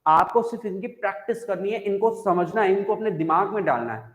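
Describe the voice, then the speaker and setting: A high-pitched man with an Indian accent teaches English grammar to an online class, repeating each point and checking whether students follow. His voice rings in an echoey room with a long reverb. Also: a little fast. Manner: explains by repeating and asking the class questions. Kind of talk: live online class in Hindi-English mix.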